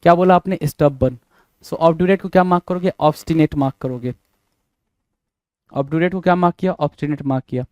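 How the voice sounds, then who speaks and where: A man with an Indian accent teaches exam vocabulary in a mellow, fairly high voice. He repeats every word, spells it out letter by letter, and keeps quizzing the class. The sound is close and dry, with no room echo. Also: moderate pace, pauses often. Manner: repetitive, spells words letter by letter, quizzes listeners. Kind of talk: exam-prep vocabulary lesson.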